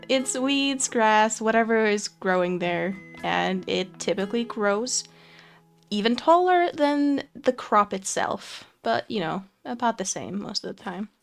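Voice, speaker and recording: A young Finnish woman with a medium-pitched, gravelly voice talks slowly while soft music plays in the background. She makes Minecraft let's play videos, and here she gives casual gameplay commentary in a relaxed, chatty way, with frequent fillers and soft laughs.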